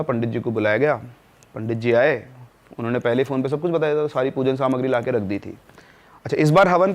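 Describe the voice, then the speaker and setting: Guy on a podcast telling a creepy story, chatty, mid pitched, talks straight to you. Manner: conversational, dramatic asides to the listener. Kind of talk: casual spoken horror storytelling.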